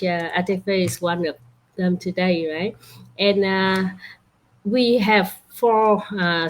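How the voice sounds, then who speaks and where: A woman from Vietnam hosting an online talk, halting and full of fillers over a video call. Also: medium pitch. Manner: slow, halting, many fillers. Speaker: host. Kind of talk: online interview introduction.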